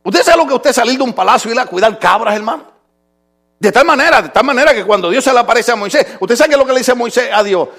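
A man preaching a sermon as pastor, with humor, his voice swinging from loud outbursts to quiet asides. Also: very high voice, animated, quick pace.

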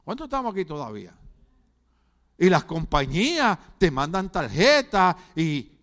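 With a high, fairly bright voice, very animated and a little slow, this middle-aged Puerto Rican pastor delivers a sermon. He throws rhetorical questions at his congregation, mixes in humor, and speaks with a Puerto Rican Spanish accent.

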